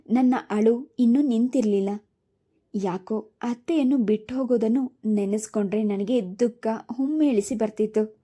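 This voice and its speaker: A woman narrating a heartfelt family story in the first person, with a calm reading manner. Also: mid-range voice.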